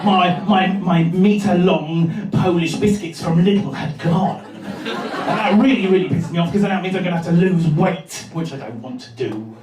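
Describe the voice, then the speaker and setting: Rambling high-voiced male comedian. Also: normal speed, crowd noise. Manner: rambling, hesitant with filler "um"s, deadpan. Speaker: stand-up comedian. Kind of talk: stand-up comedy set. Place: comedy club stage. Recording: roomy club recording from far off, audience.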